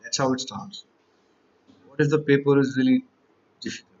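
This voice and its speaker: A man's voice: medium pitch, flat delivery, normal speed, a little mellow, lo-fi sound. A man, teaching exam candidates in a motivational lecture, stacking up rhetorical questions and repeated lists.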